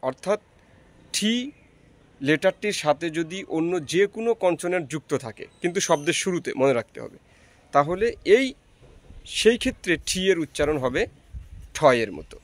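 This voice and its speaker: A man whose first language is Bengali gives a pronunciation lesson. His voice sits a little high. He talks slowly, explains each rule step by step, and repeats every example word. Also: animated. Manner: slow, repetitive, explaining step by step. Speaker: English teacher.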